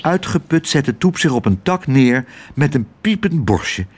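A man narrating a children's audiobook in an expressive storytelling manner. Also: mid-range voice, measured pace, breathy edge.

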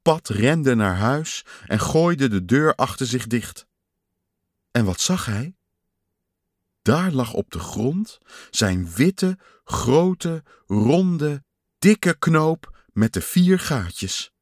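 A man reading a children's story aloud in a slow, expressive storytelling manner. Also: mid-range voice, no room sound, studio quality.

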